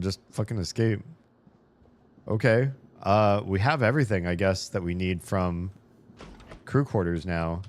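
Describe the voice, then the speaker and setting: Here a game streamer with a fairly low-pitched voice offers casual let's-play commentary. He thinks aloud in a rambling way, swearing now and then and laughing while playing, and his voice is a little worn, as if he's slightly losing it.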